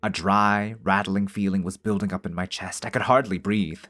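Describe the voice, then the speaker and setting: A man's voice: deep voice, fairly even intonation, normal speed, a bit bright, soft background music. Man narrating a game, swearing between lines. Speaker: streamer reading a visual novel aloud. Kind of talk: story narration mixed with casual commentary.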